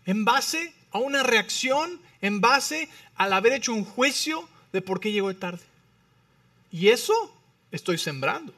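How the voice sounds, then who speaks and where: Bright-voiced man preaching with swings of loudness. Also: far from the mic. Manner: animated preaching, rising loud and dropping low, frequent "¿sí?" check-ins. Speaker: pastor. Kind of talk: sermon. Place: church.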